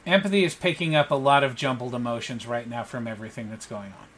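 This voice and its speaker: Calm man running a tabletop game. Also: mid-range voice, quick pace. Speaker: game master. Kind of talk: narrating a tabletop game over voice chat.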